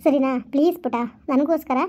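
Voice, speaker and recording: A woman playing a soft, coaxing mother. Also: high-pitched, steady tone, fast, a little hiss or hum, close to an everyday voice. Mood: reassuring. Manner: soothing, coaxing, lecturing softly. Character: gentle coaxing mother, patient and soothing. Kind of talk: family skit acting.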